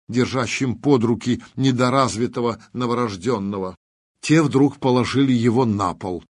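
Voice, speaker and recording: A man reading an audiobook as narrator, measured and even. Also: medium pitch, husky, no echo, clean studio sound. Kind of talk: scripted narration.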